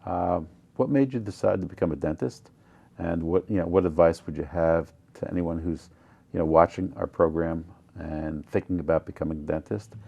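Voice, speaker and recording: Gravelly, very deep male host. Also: fairly even intonation, warm tone, highs cut off. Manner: halting, with many fillers and restarts. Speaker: TV show host. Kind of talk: casual interview talk.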